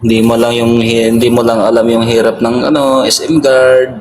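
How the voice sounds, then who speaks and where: A man's voice: medium pitch, level tone, moderate pace, a little mellow, rough recording. Chatty man on a phone livestream. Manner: laughs often, thanks viewers politely with "po". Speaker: TikTok live streamer, security guard. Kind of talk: casual live-stream chat reading comments. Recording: phone live stream with clear background noise.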